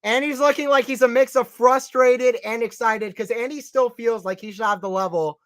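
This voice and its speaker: Calling tennis for a watchalong stream, this Atlanta man has a slight Southern American lilt and a casual, chatty style, fielding chat questions between points. His voice is high and fairly bright, with fairly even intonation and a moderate pace, though it shoots up when a rally gets intense. It's recorded dry and close, with no room sound.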